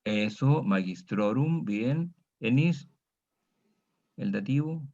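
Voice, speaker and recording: A man's voice: medium pitch, lively intonation, takes it slowly, mellow. Guy teaching latin class, patient, goes case by case, checks in with students a lot, dull lo-fi audio. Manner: patient, drills students on declensions, frequent "¿ah?". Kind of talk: classroom grammar lesson. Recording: dull lo-fi recording.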